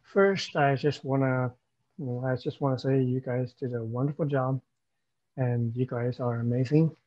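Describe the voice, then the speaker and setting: A man from Taiwan, a guest at an online club meeting, gives warm, encouraging feedback over a video call, sprinkling in plenty of "you know." His medium-pitched voice has fairly even intonation at a moderate pace. The audio is dull and dry.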